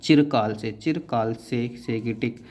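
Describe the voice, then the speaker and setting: Man slowly explaining shorthand outlines. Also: medium pitch, a little mellow. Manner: slow and deliberate, repeating each word as he writes; often adds the tag "है ना" and gives short instructions. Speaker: shorthand teacher. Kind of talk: dictation-style tutorial explaining outlines.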